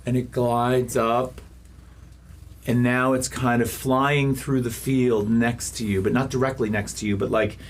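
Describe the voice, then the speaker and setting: A man improvising narration as game master of a tabletop game, in descriptive, stop-start phrases with dramatic pauses. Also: mid-range voice, level tone.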